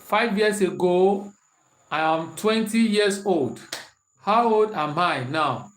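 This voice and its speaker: Slowly and in a high voice, a man with a Nigerian accent runs an online maths lesson, going through examples, repeating the questions, and reading out what students answered. He's far from the mic in an echoey room, with faint hiss.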